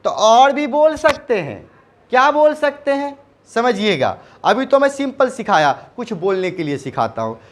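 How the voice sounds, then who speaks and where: A man teaching spoken English in Hindi, slowly repeating short English phrases for students to copy. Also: very high-pitched, very animated. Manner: drills phrases slowly, repeating them aloud.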